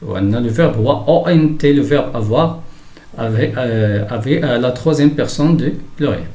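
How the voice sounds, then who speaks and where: A man with a Moroccan Arabic accent teaching a grammar lesson. He explains in Arabic and reads his example sentences slowly and carefully. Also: medium pitch, warm tone, echoey room.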